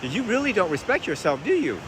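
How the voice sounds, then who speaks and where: A man from Vietnam, a Buddhist monk, answering viewers' questions in a relaxed, conversational way outdoors by the ocean, recorded on a phone. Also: high voice, fairly quick. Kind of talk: casual outdoor Q&A talk. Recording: phone recording with wind and surf noise. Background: ocean waves and wind.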